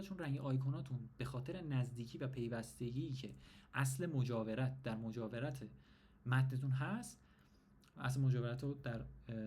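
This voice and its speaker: A man's voice: a little high, a little mellow. A young man explaining a design topic in a casual tutorial, asking and answering his own questions. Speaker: design instructor. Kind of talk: screen-recorded tutorial.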